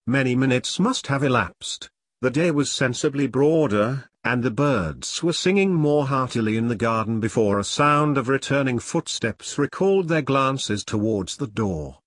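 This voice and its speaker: A man narrating a classic story in a measured, even reading style. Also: mid-range voice, no room sound. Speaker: audiobook narrator. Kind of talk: scripted narration.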